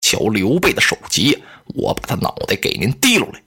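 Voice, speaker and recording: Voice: medium pitch, wildly swooping pitch, normal speed, bright, forceful tone, husky, voice pushed down, heavily acted. A storyteller voicing a sly, blustering male general who fawns over his lord while plotting. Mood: eager. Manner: fawning toward his lord, crafty. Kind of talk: traditional storytelling.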